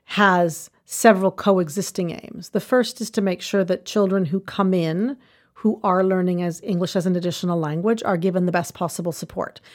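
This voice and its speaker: Interviewed as a language education expert, a woman earnestly lays out her points one by one in measured conversational explanation. Her voice is on the low side with a darkish tone.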